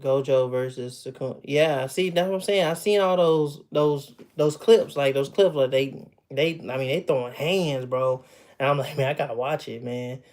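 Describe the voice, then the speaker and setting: Speaking at a normal speed with a medium pitch and darkish tone, a man in his thirties hangs out with livestream viewers from his home, where memorabilia sits behind him. He keeps it chatty and relaxed, often laughing and losing the thread mid-thought.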